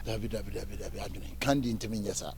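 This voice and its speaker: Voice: medium pitch, rapid-fire, a little mellow, close to an everyday voice. A performer with a Ghanaian accent and Twi as native language, playing a disbelieving, agitated friend in a comedy skit, stammering and repeating words. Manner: stammering repetition, bursting out. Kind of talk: improvised comedy skit dialogue.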